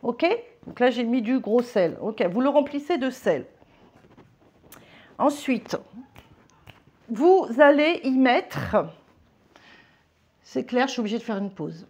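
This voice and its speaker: A woman vlogger walking viewers through a ritual step by step, chatty, constantly checking in with quick little questions. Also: on the high side, expressive, a little mellow. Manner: chatty, keeps checking in with "ok?" and "d'accord?"; slips between formal and familiar address. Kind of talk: casual how-to demonstration. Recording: dull lo-fi home recording.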